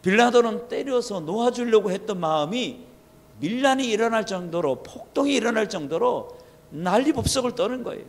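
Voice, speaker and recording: A man's voice: high-pitched, expressive, moderate pace, vocal fry. A man preaching an early-morning sermon as pastor, retelling a story with quoted lines. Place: church sanctuary. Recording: long hall reverb.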